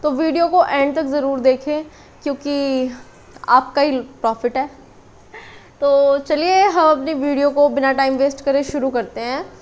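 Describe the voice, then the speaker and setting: A woman with a high voice gives a casual spoken English lesson to camera. She explains patiently, repeating each word, and fills pauses with soft hesitations. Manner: explains slowly, repeats words with many fillers. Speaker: English teacher. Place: small room with a board. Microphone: camera on a tripod.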